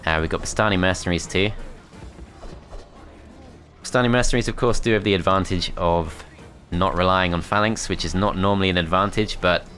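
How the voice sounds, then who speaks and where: A man's voice: low-pitched, fairly quick, fairly bright tone, soft background music. A man commentating his strategy game as he plays, thinking aloud in a tentative, self-critical way. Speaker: gameplay commentator.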